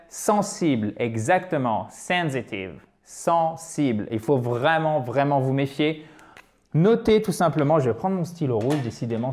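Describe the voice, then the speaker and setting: A woman teaching English to viewers in a lively, teacherly way, slowly repeating words for drill. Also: low-pitched. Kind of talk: lesson segment, addressing viewers.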